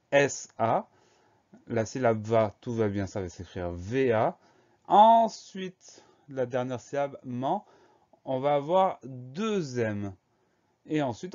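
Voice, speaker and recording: A man's voice: medium pitch, darkish tone, dull audio. A man teaching a spelling lesson, patiently spelling each word out letter by letter.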